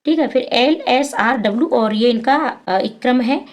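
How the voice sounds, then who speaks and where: A woman with a high-pitched voice leads an exam-prep lesson, asking her students questions and then answering them herself. She often pauses on fillers and keeps a classroom explainer's pace, running a little slow.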